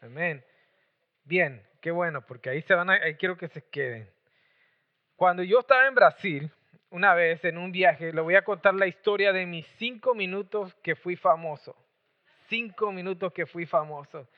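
Tinny-sounding Mexican-born preacher telling a story. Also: male voice, high voice, moderate pace. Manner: chatty, animated storytelling with many restarts. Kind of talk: storytelling sermon.

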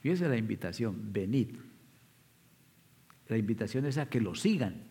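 A man's voice: on the low side, sing-song, normal speed, warm tone. A man preaching a sermon, retelling scripture as a story and speaking straight to his congregation. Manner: storytelling, addresses the congregation directly. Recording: long reverb of a large hall.

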